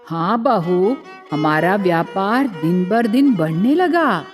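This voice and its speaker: A woman's voice: mid-range voice, expressive, takes it slowly, pitched below the performer's own voice. A woman voicing a chatty middle-aged village mother-in-law who scolds and boasts. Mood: curious. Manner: scolding, then vain and boastful. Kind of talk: storybook character voice. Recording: reverberant, with faint music.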